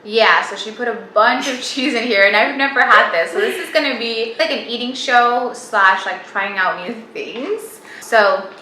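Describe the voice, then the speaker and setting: A woman's voice: fairly high pitch, normal speed, bright, forceful tone, a little hiss or hum. A young woman hosting a casual home vlog with her sister, chatty and explaining things step by step. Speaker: vlogger host. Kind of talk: casual chat. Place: home kitchen. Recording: roomy home recording.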